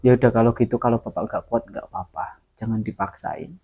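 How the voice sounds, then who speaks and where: A man doing a hushed, low-voiced sinister henchman. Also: fairly quick, slightly rough. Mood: quietly menacing.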